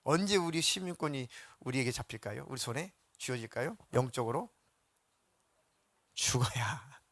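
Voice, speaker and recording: A male pastor giving a lively sermon, acting out quotes in voices and putting questions to the congregation. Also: mid-range voice, normal speed, no echo. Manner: animated, acts out biblical quotes in voices.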